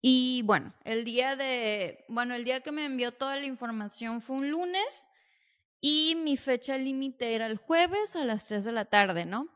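A young woman with a Mexican Spanish accent talks through a personal reflection on her podcast. Her voice sits a little high, and her delivery is chatty and confiding, with a self-deprecating streak. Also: unhurried, a bit bright, clear, resonant tone. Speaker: podcast host.

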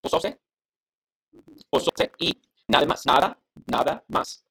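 A man whose first language is English, practicing a poem recitation as a Spanish learner, halting and repeating words syllable by syllable. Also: a little high, lively intonation, creaky, fairly bright tone. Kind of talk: practicing poetry recitation in a lesson.

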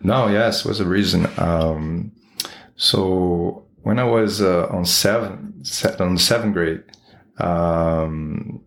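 A man's voice: sits low, takes it slowly. A Brazilian man in his forties with a Brazilian Portuguese accent, speaking as an interview guest, with many fillers and restarts. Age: 40s. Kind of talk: casual interview.

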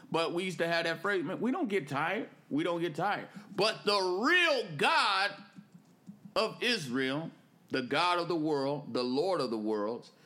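A man preaching a class-style exhortation, emphatic, repeating lines for stress and using street-style vernacular. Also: bright, forceful tone. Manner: emphatic, repeats lines for stress, swings from low murmurs to raised calls. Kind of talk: exhortation sermon.

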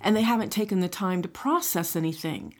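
A woman's voice: lowish voice, expressive, a little fast. A middle-aged woman co-hosting a podcast, talking casually and often checking in with "right?" and "you know". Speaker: podcast co-host. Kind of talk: casual chat.

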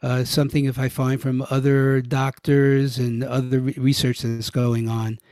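A man's voice: medium pitch, level tone, measured pace, darkish tone, no room sound, clean studio sound. An older man with a Brooklyn accent talking casually and ramblingly as a guest in an interview. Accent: Brooklyn, New York. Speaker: podcast guest, health writer and vegan advocate.

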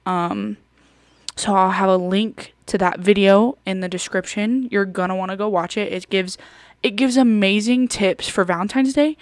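A woman's voice: medium pitch, normal speed, no room sound. A young woman hosting a podcast in a casual, rambling chat full of fillers and giggles. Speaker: podcast host.

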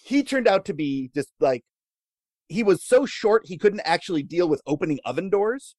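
A man co-hosting a casual chat, telling food history with wry, deadpan jokes. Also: high voice, normal speed, dry recording, clean studio sound. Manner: wry, deadpan jokes, laughs at own lines. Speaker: podcast co-host telling history.

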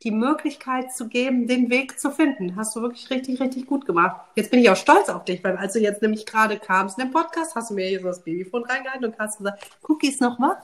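A woman sleep consultant speaks in a slightly high voice, warmly encouraging and reassuring in a relaxed podcast chat. She praises and explains in an easy, conversational way. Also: fast talker, few pauses.

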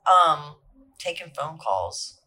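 A woman's voice: low voice, big pitch swings, slow pace, sharp tone, a little hiss or hum. A woman guest talking in a casual interview, earnest and chatty, with lots of fillers and easy laughs. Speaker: podcast guest, recovery alumni coordinator.

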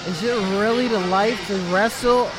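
A man hosting a radio interview, asking loose, rambling questions in an excitable, casual way. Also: high-pitched, normal speed. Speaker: radio host. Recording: very loud music and crowd.

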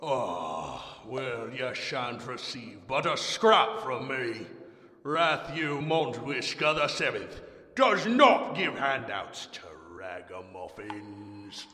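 A man voicing a pompous, greedy old male rat who hoards food, speaking gruffly in haughty old-fashioned phrases. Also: medium pitch, sing-song, slow pace, sharp tone, full character voice. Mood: boastful. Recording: echoey room with long reverb.

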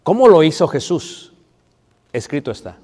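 A man's voice: fairly high pitch, big pitch swings, normal speed, darkish tone. Pastor guy giving a marriage sermon, playful, keeps asking the crowd stuff, big hall echo. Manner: conversational, asks the audience questions, playful. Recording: long reverb of a hall.

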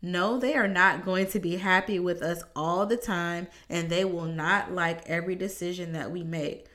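A woman giving an earnest, measured talk on parenting, speaking with emphasis and deliberate pauses. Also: on the low side, fairly even intonation, a bit bright.

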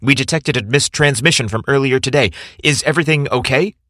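A man voicing a cheerful male mission control operator, brisk and official. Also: medium pitch, a bit bright, dry recording, clean studio sound, pitched above the performer's own voice, natural voice. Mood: businesslike. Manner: brisk, official radio calls.

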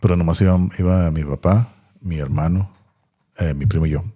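A man's voice: sits low, moderate pace, mellow, breathy edge. A man telling a personal story in a casual podcast chat, rambling and tagging his sentences with questions. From Tijuana, Mexico. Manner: rambling, repeats words, many tag questions. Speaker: podcast co-host.

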